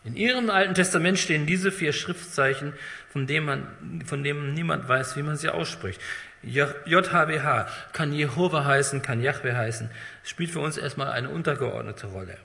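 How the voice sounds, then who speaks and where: A man preaching a sermon with dramatic swings between loud emphasis and hushed, drawn-out phrases. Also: fairly high pitch, gravelly. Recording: long hall reverb.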